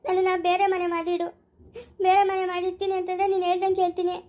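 An upset young bride, played by a woman, complains in a very high voice with a Chikkaballapura Kannada accent. She talks fast and keeps pressing her point in a family home drama skit. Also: completely flat delivery, a little mellow. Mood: complaining.

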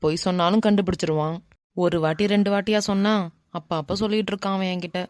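A woman voicing a brash, bossy but softhearted young man in a cartoon, muttering to himself and scolding, with a Kanyakumari Tamil accent. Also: on the low side, fairly even intonation, fast talker, no echo, studio quality, lightly acted. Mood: musing. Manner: mutters to himself, scolds then turns gentle. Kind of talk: animated cartoon dialogue.

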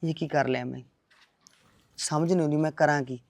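A man's voice: on the high side, steady tone, brisk, gravelly, no room sound. A man playing a grumbling old village father. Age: older. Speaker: father-in-law.

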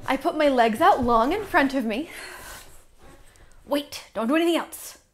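A woman teaching yoga to young children, playful and silly, with sudden high exclamations. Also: moderate pace. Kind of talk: guided kids' yoga lesson.

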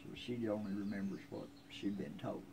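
A rural American man in his seventies, folksy and plainspoken, tells family history while out on a covered wooden porch. He speaks in a lowish voice at a moderate pace. The handheld phone recording from a few feet away carries outdoor ambient noise.

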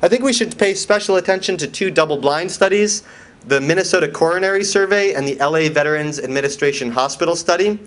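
A man's voice: on the high side, quick pace. A man giving a conference lecture from slides, with dry, wry asides, questions to the audience and many fillers and restarts.

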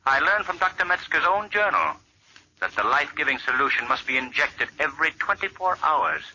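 An actor playing The Shadow, an invisible man of mystery who speaks in a measured, deliberate, menacing calm, in 1940s radio acting. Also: a little high, full character voice, low-quality recording. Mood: commanding.

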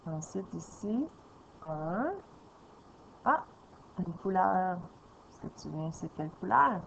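A woman teacher leading a slow, patient reading lesson for young children, sounding out syllables. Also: fairly low pitch, lively intonation, vocal fry, a little hiss or hum. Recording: slightly dull lo-fi recording.

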